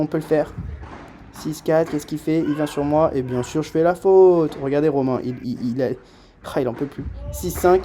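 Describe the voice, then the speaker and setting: A young man doing a voice-over commentary on his own padel match, self-mocking and excitable, swinging from muttering to shouting. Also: a little high, slight background noise.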